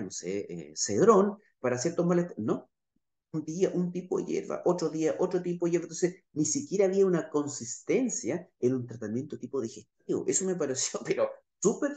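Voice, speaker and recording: A man's voice: fairly high pitch, expressive, fairly quick, dark tone. A middle-aged Chilean man giving an online talk over slides as a naturopath, explaining step by step and checking in with his listeners. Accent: Chilean Spanish. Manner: gestures with his hands while talking. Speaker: naturopath lecturer. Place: small indoor room, plain wall behind. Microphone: webcam on a video call. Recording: echoey room on a webcam.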